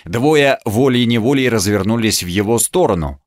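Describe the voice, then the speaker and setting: A man reading a first-person audiobook in a reflective, measured storytelling manner. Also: medium pitch, expressive, no room sound, clean studio sound. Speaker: audiobook narrator.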